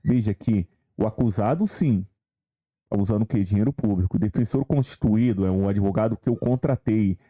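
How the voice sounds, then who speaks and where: A man's voice: on the low side, brisk, dark tone. A man teaching an online exam-prep law lesson, walking viewers through questions and asking them rhetorical questions along the way.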